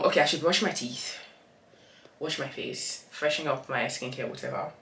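A woman's voice: low voice, fairly bright tone, echoey room, slight background noise. A tired young woman vlogging to a handheld camera in a small airport sleeping cabin, chatty and rambling, often correcting herself. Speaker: travel vlogger. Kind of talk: casual vlog chat to camera. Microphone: handheld camera at arm's length.

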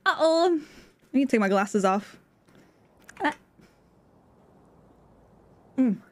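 Speaking slowly in a high-pitched, expressive voice with a darkish tone, this woman streamer hangs out with her viewers, eating and playing a game. The live-stream chat is casual and chatty, with lots of laughter as she eats mid-sentence.

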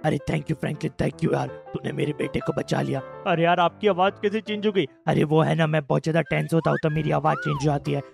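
Parent creature: man voicing a calm father shark, low and soft-spoken. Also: quick pace, creaky, hardly any pauses, faint music behind. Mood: grateful.

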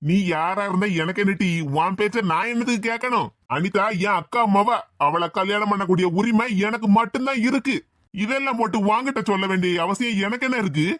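Someone doing a cranky bossy village uncle, tirunelveli accent, mid pitch, super dry mic. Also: brisk, a bit bright, no room sound, close to an everyday voice. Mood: angry scolding. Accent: Tirunelveli Tamil. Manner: scolding, threatening. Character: hot-tempered village man bullying his niece.

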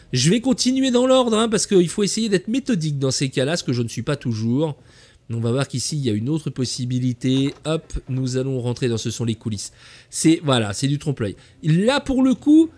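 A fairly high-pitched man gives an eager, chatty tour of a video game build. He addresses his viewers as "the kids" and keeps up a steady, admiring commentary. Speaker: host of a game channel.

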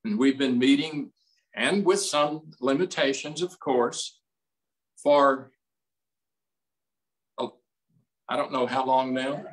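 A man in his eighties preaching a sermon as pastor, slow and emphatic in a folksy way, recorded on a desk mic in a small room. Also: mid-range voice, rough recording. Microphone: desk mic on stand, streamed over video call.

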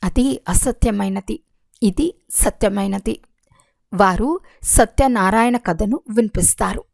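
A woman reading a religious discourse aloud in a steady, measured way. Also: medium pitch, creaky, dry recording. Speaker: reader of a spiritual discourse.

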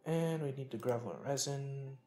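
A man's voice: medium pitch, normal speed, dark tone. A man giving casual, rambling gameplay commentary while tired, joking at himself as he plays. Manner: rambling, self-mocking, talks to himself. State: sleepy and tired. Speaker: gaming channel host. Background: faint game music and mouse clicks.

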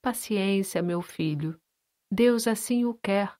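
A woman voicing a gentle, long-suffering noble mother who speaks meekly and plaintively. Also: medium pitch, slow pace, close to an everyday voice. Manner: meek, plaintive and tender.

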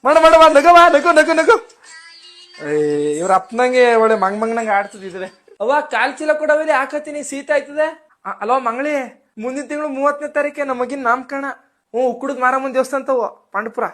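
A man's voice: extremely high pitch, normal speed, fairly bright tone, soft background music. A man acting as a fussy, gossipy young village mother just after childbirth, nagging and chattering on the phone in a comic skit.

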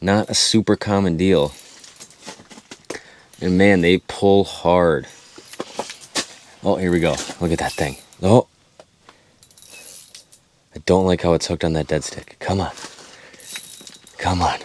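A man in his thirties vlogging from inside an ice-fishing tent, talking excitedly to viewers while reeling in fish, picked up by an action camera mic. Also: deep voice, slow, pauses often, a little hiss or hum. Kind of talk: excited play-by-play vlog.

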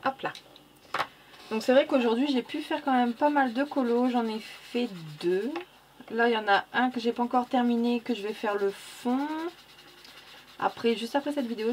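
A woman with a non-standard French accent talks her way through a coloring tutorial in a relaxed, chatty way. She corrects herself often and keeps muttering "hop" as she works. Her voice sits a little high, with a faint hiss in the room behind it. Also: normal speed. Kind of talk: casual narrated drawing tutorial.

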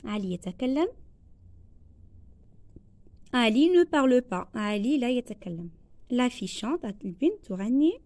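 A woman teacher with a Moroccan accent, going slowly through a worksheet lesson, repeating each phrase and translating it into Arabic. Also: a little high, very animated, mellow, dry recording. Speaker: primary school teacher.

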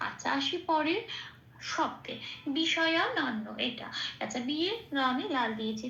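A woman patiently teaching pronunciation step by step, slow and careful, with soft hums between points. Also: high-pitched, reverberant, highs cut off, a little hiss or hum. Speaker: Gita recitation teacher.

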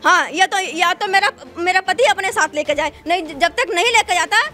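A woman's voice: very high-pitched, moderate pace, sharp tone. A woman talking to a reporter outdoors outside a house, pleading her side of a family quarrel in earnest. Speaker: daughter-in-law interviewee. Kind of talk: street interview.

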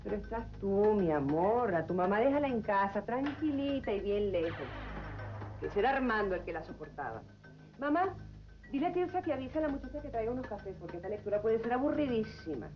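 An actress with a Venezuelan accent playing a commanding, sharp-tongued head of household in a telenovela. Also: female voice, fairly high pitch, sing-song, a little fast. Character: domineering woman head of household. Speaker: Eva, family matriarch. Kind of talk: 1990s telenovela acting. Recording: dull lo-fi TV audio with music.

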